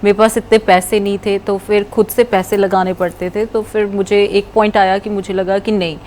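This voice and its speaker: A woman guest in a casual interview, speaking with a tinge, lively and laughing often, mixing in English. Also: mid-range voice, moderate pace, slight background noise. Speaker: interview guest, fashion influencer.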